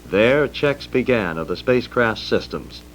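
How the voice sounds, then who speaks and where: A man with an American accent reading scripted historical narration as a documentary narrator, formal and measured. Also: mid-range voice, lively intonation. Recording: dull vintage record with hum.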